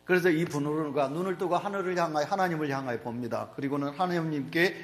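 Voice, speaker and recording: Pastor. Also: male voice, a little high, fast. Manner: storytelling, addresses the congregation directly. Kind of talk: sermon. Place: church sanctuary.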